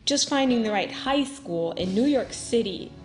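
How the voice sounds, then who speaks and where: A woman's voice: on the high side, animated, moderate pace, faint music behind. A mother speaking sincerely about her child's schooling in a documentary interview. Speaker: parent.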